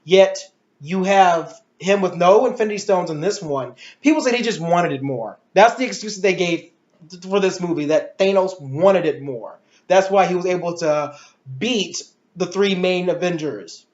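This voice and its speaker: A man whose voice sits high and a little mellow talks at normal speed, giving a reviewer's casual, opinionated take on films. His delivery is an emphatic rant stuffed with rhetorical questions, recorded in a muffled, echoey room.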